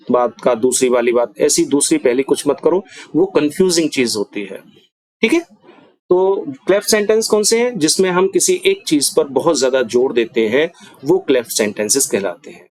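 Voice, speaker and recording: A man teaching English grammar in Hindi, emphatic and chatty, saying example sentences slowly. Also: a little high. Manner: animated, emphatic, chatty with asides.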